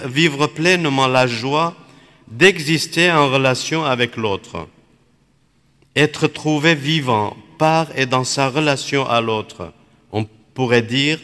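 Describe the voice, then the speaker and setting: A Dominican priest from Iraq, whose first language is Aramaic, gives a spiritual reflection slowly in a hall. His male voice is medium-pitched, a bit bright and clean, and he speaks in a measured, contemplative way, phrase by phrase.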